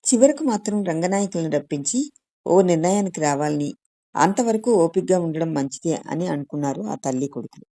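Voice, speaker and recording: Brief: woman narrator, low voice, dry close sound, calm even storybook reading. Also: no echo. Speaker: story reader. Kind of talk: scripted audiobook narration.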